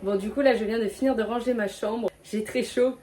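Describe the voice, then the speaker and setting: A young woman vlogging casually, chatty and self-mocking, quick to exclaim. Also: fairly high pitch, fairly even intonation, mellow, a little hiss or hum. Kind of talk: casual vlog chat.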